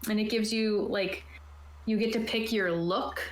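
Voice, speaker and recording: On an online video call from an indoor room, a woman acting as game master casually explains tabletop game rules and reads rulebook passages aloud. Her medium-pitched voice is steady and measured, captured in a roomy, echoey home recording.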